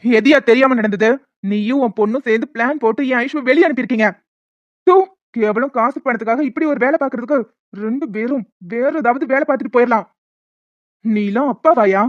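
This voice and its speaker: A woman's voice: fairly high pitch, fairly quick, dry recording, lightly acted. A woman doing a furious betrayed young husband. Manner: shouting accusations. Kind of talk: amateur cartoon voice acting. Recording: dry, dull lo-fi recording.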